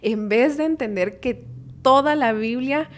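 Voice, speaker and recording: A woman's voice: sits high, measured pace, a little hiss or hum. A woman co-hosting a casual faith podcast, reflecting and explaining her thoughts. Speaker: podcast co-host.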